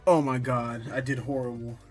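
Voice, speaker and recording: Flat in delivery and moderate in pace, his mid-range voice sits over soft background music. The tutorial maker guides viewers through casual gameplay in a loose, rambling way, with plenty of self-deprecating asides.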